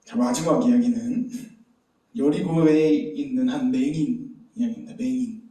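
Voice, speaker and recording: Warm and medium-pitched, this pastor delivers his sermon at a normal pace, weaving in a story and posing rhetorical questions to the listeners. He is recorded from a distance in a very echoey church sanctuary.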